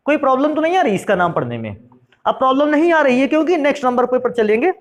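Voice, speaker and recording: Teacher quizzing students on chemistry. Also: male voice, very high-pitched, very animated, fast talker. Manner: asks questions and answers them himself; calls students "beta" and "bhaiya". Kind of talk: classroom lecture.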